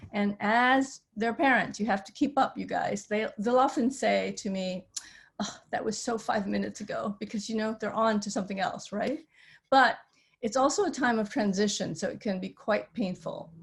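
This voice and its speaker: A middle-aged woman who grew up in Vietnam, speaking as a psychiatrist in a webinar, talking conversationally over a video call and explaining with everyday analogies. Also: mid-range voice. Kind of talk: webinar talk.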